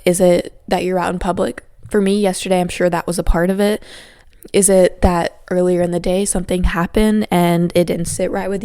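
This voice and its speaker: A young woman hosts her own podcast, speaking candidly and gently as she offers advice. Her voice sits a little on the low side. She sounds reflective and unhurried. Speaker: podcast host. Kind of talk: personal advice talk.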